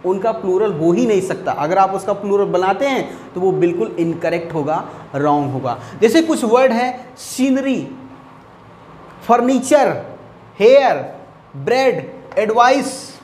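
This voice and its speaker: A man with a high voice teaches grammar in an Indian accent and says each rule several times. He reads English example sentences slowly and clearly. The recording has an echoey room with a faint hiss behind it. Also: a little mellow. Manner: explains slowly, repeating rules, reads English examples aloud slowly. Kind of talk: Hindi-medium grammar lesson.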